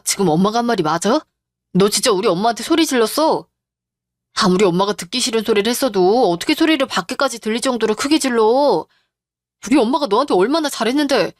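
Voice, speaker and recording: A woman's voice: fairly high pitch, no room sound, lightly acted. A woman voicing a young husband who sides with his mother, with an accusing, defensive manner. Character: young husband, mama's boy. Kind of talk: radio drama reading.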